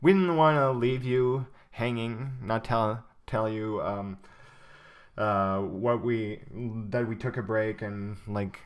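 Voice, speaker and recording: A young adult man co-hosts a podcast, chatting casually in a lowish, steady, smooth voice at a slow pace. He rambles with plenty of ums and uhs and laughs often.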